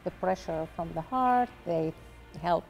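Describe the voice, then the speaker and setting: Iraqi-accented woman, low, slow. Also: creaky, darkish tone, soft background music. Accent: Iraqi Arabic. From Iraq. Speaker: artist guest. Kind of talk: interview answers.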